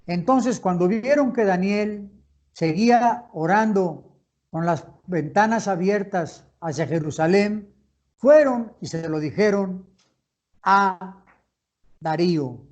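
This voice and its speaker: A man leading a youth Bible study, reading verses aloud and then rephrasing them in measured explanations, on a dull lo-fi recording. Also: high-pitched, darkish tone.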